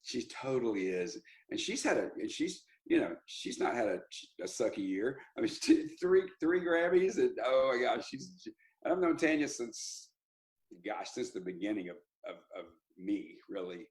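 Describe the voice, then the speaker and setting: A man, a country singer telling stories in an interview, animated and rambling with restarts and laughs. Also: medium pitch, normal speed, rough recording. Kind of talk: casual interview storytelling.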